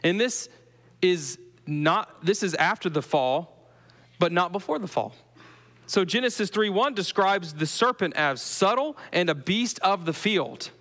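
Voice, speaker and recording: A man's voice: high voice, expressive, a little slow, a bit bright. A pastor with a Southern US accent giving a conversational sermon to his congregation, asking them questions as he goes. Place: church sanctuary. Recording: long reverb of a church hall.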